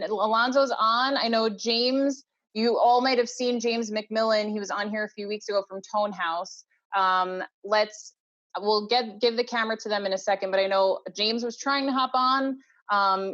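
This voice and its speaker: A woman's voice: fairly high pitch, a bit bright. A woman hosting a webinar over a video call, introducing things in a casual, upbeat and enthusiastic way. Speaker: webinar host. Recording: dull, lo-fi video-call audio.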